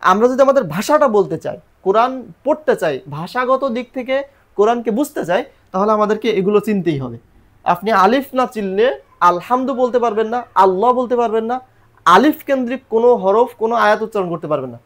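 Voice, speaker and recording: A man's voice: sits high, expressive, fast, fairly bright tone. A man teaching Quran reading and the Arabic alphabet in a recorded lesson, patiently repeating letters and drilling pronunciation.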